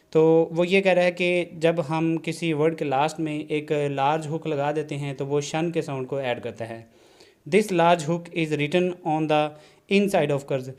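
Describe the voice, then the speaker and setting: A man teaching a shorthand lesson on video, explaining step by step, checking in often with a short "okay" and mixing English terms into his talk. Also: on the high side. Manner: explanatory, repeats "theek hai ji", mixes English terms into Urdu. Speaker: shorthand instructor. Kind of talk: classroom-style video lesson.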